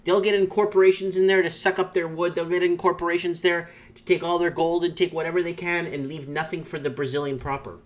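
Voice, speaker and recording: Fast and with few pauses, this YouTube channel host talks in a voice on the high side with little pitch movement. A native Portuguese speaker, he rambles through opinions on viewer comments, using many fillers and restarts.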